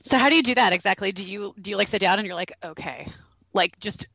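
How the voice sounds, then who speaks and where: A woman co-hosting a podcast who asks her questions in a lively, joking, casual way. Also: medium pitch, very fast, dry recording, rough recording. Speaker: podcast co-host. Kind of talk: conversational podcast interview.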